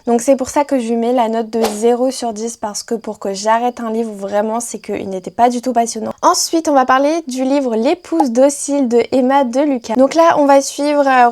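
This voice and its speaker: A woman's voice: a little high, a little mellow. A young woman reviewing books in a casual vlog, chatty and full of fillers and restarts. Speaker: book vlogger.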